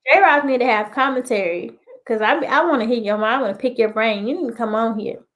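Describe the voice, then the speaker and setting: A woman's voice: on the high side, fast. A woman co-hosting a casual chat show, teasing and talking straight to her audience. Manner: animated, teasing, talks to the audience. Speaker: co-host.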